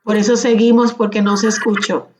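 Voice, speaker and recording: A woman's voice: medium pitch, little pitch movement, brisk, darkish tone, a little hiss or hum. A woman teaching a class over a video call, patiently asking questions and calling on students by name. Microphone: computer mic on a video call.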